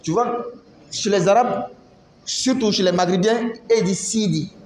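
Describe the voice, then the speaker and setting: A man giving a religious lesson to a class, explaining slowly, asking them questions and reciting Arabic phrases. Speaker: religious teacher. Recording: echoey room, faint rumble.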